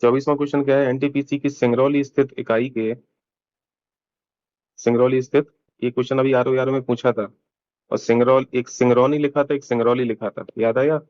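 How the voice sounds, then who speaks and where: A man's voice: medium pitch, fairly even intonation, a little fast, a little mellow, smooth, no echo, dull audio. A man teaching an exam-prep lesson in a casual, chatty way, explaining each answer step by step and mixing in English terms.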